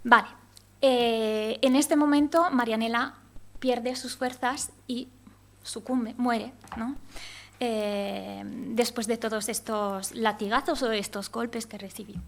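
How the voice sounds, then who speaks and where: A woman's voice: on the high side, steady tone, slow. A young woman giving an academic conference talk, explaining a piece of music, counting beats aloud and often asking "¿no?". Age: young adult. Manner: explanatory, often tags phrases with a questioning "¿no?". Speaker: conference presenter.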